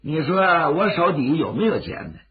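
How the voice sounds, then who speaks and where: A male storyteller voicing a steady, brotherly bandit ally in a traditional tale, gravelly and dramatic. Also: a little high. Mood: concerned, advising. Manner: dramatic, measured and colloquial. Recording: dull, lo-fi audio.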